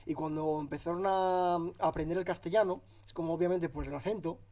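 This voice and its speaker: A man's voice: fairly high pitch, steady tone, brisk, dark tone. A man hosting a podcast, asking questions in a casual, slangy way. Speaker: podcast host.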